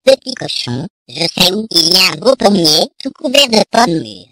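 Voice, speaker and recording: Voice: medium pitch, animated, moderate pace, bright, forceful tone, a little hiss or hum, rough recording. A reader voicing a hungry, scheming big bad wolf in a storybook reading, with mock-menacing threats. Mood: wheedling.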